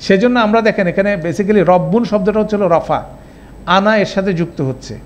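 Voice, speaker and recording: A man, teaching an Arabic grammar class and explaining each step slowly with checking questions. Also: high-pitched, a little hiss or hum. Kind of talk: online class lecture.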